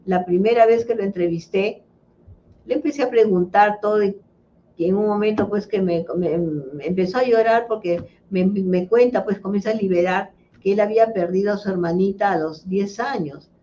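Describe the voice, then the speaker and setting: A woman's voice: medium pitch, moderate pace, dark tone, slight background noise. A middle-aged woman psychologist answering interview questions, telling a case story with many fillers and restarts. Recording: dull lo-fi livestream sound.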